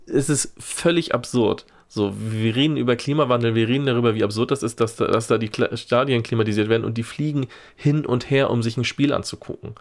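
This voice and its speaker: A man's voice: medium pitch, a little fast, hardly any pauses. A man talking casually on a podcast, wry and exasperated, using dry gallows humor. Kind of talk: casual chat.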